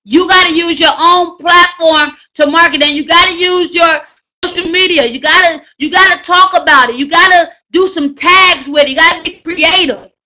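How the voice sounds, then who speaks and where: A woman teaching a writing class, coaching loudly and repetitively in slangy, preacher-like exhortation. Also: very high-pitched, steady tone, moderate pace, rough recording. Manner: loud, hollering, preacher-like exhortation. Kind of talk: live online class on book promotion.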